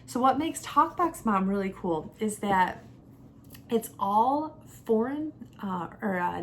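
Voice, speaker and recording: A young adult homeschooling mother and vlogger reviews a product while talking casually to the camera, chatty and conversational, stressing key words. Her voice is mid-range, and a little hiss or hum runs under the audio.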